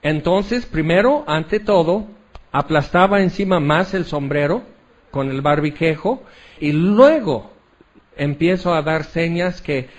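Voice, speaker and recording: A male pastor, preaching a sermon in an animated storytelling way, acting out little scenes. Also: fairly high pitch, slow pace, muffled recording. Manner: animated storytelling with acted-out asides.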